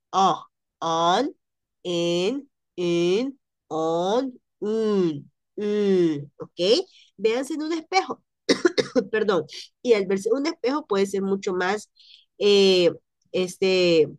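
A woman's voice: medium pitch, dry recording, clean studio sound. A woman teaching an online French class to Spanish speakers, explaining and drilling pronunciation by repeating sounds over a video call.

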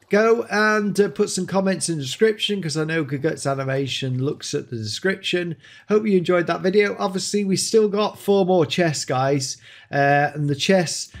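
A man hosting an enthusiastic gameplay showcase, exclaiming often as he shows off new creatures. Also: a little high. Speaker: game showcase host. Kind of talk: excited gameplay commentary.

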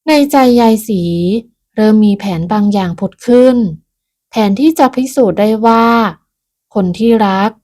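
A woman narrating a moral folk tale in a measured, even storytelling manner. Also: medium pitch.

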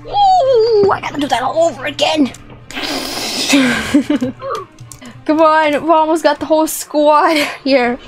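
Speaking slowly with frequent pauses, a young woman hosts a playful gaming video, her high voice swinging widely in pitch. She's giggly and exclamatory, repeating phrases often, in a small plush-toy-filled room with music behind her.

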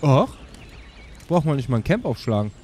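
A man's voice: medium pitch, sing-song, normal speed, darkish tone, slight background noise. A man giving offhand gameplay commentary, thinking aloud in short casual remarks. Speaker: let's play host. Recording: game ambience and hoofbeats behind voice. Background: video game nature sounds, horse hooves.

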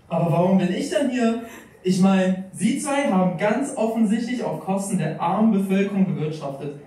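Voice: mid-range voice, mellow, slight background noise, natural voice. A performer playing a confused, indignant young vegan student who ends up in hell, at a live reading. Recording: echoey hall recorded from far off.

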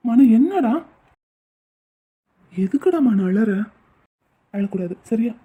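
A woman voicing a gentle, devoted young man who coaxes and comforts his wife in an amateur audio drama. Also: fairly high pitch, big pitch swings, slow, slightly rough, full character voice. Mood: soothing. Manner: soothing, coaxing.

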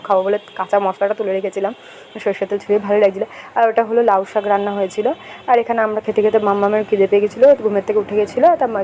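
A woman's voice: mid-range voice, warm tone, slight background noise, rough recording. A young woman, narrating a daily home vlog in a chatty voice-over with frequent fillers. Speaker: vlogger.

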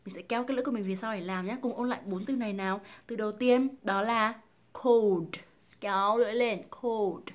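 A woman from Vietnam teaching English pronunciation, explaining patiently and drilling single sounds and words slowly and clearly. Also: medium pitch, steady tone. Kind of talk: pronunciation lesson.

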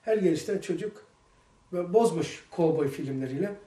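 Here a man delivers religious lesson talk in a high voice at a moderate pace. He is an emphatic, animated storyteller, and the distant mic and echoey room give the clip a roomy feel.

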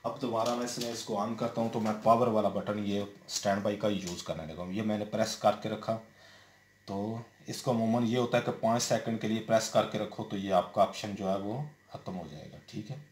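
A man's voice: on the low side, steady tone, normal speed. A man talking through a hands-on TV repair step by step, with frequent fillers and check-ins. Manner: explains step by step, many fillers and repeated "theek hai". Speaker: TV repair technician. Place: indoor room at a workbench. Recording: roomy echo with faint noise.

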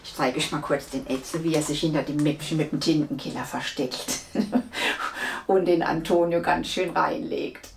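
A woman reading a children's book aloud, with lively, expressive storytelling. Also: low-pitched, unhurried, gravelly. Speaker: storybook reader.

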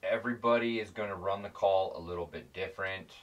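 A man with a very low voice talks through a how-to in a loose, plain-spoken way, circling back and restarting his sentences. He sounds a little set back from the microphone. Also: fast, distant mic, dull audio. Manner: rambling, plain-spoken, self-correcting. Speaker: predator calling instructor. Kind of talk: casual instructional talk.

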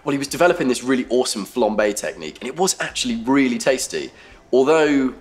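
An actor playing a hapless young man in a sitcom, awkward and stammering, with a slightly husky voice. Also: mid-range voice, expressive, quick pace, close to an everyday voice. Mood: chatty. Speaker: lead character in comedy series. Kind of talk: sitcom acting.

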